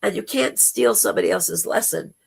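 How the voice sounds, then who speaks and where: A spiritual livestream host with a gravelly, temporarily hoarse voice, talking informally and gently encouraging the viewers. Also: mid-range voice, brisk.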